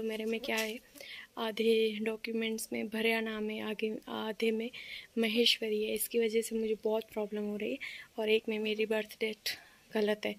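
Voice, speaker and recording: A young woman, talking slowly and softly in a casual vlog, tired and sleepy. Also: a little high. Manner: soft-spoken, slow and subdued. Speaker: vlogger.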